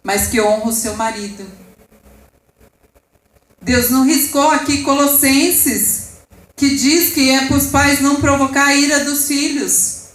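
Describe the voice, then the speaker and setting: A woman with a Brazilian Portuguese accent preaches passionately in a church hall, her delivery rising and falling as she makes asides to the congregation. Her voice is high-pitched and slow, with frequent pauses. The recording is reverberant and low in quality.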